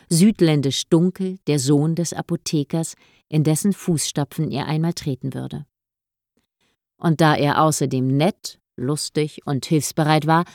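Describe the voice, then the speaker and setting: Woman reading an audiobook, low voice, calm even storytelling, dry sound. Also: no room sound. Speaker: audiobook narrator. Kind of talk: scripted narration.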